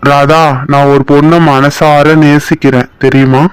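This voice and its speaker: A man's voice: a little high, little pitch movement, measured pace, smooth, lightly acted. A man voicing a playful, teasing young man who is fond of his sweetheart, in a cartoon. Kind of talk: cartoon voice acting.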